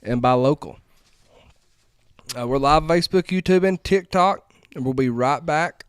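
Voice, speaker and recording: A man's voice: on the high side, moderate pace, smooth, dry recording. A man co-hosting a live sports podcast, chatting casually and reading plugs and viewer comments. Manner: drawling, reads sponsor plugs and comments. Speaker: podcast co-host.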